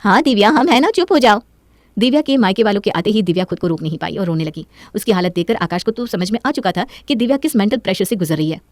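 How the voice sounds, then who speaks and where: Brisk woman storyteller. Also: mid-range voice, expressive, a little mellow, dry recording. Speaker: narrator. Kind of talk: storytelling narration.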